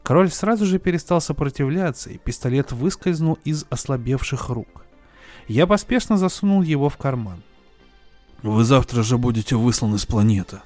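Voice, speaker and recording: A man reads a first-person science fiction audiobook in a measured, even voice. His pitch sits a little high for a man. Soft music plays faintly underneath. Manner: measured, even reading with slow, drawn-out pauses. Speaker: narrator.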